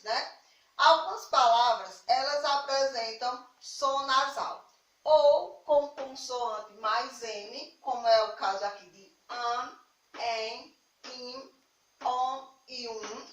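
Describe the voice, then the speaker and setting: A woman's voice: a little high, a bit bright, roomy sound, distant mic, rough recording. A Brazilian woman teaching a remote lesson to young children, affectionate and patient, stressing key words. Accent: Brazilian Portuguese. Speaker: primary school teacher.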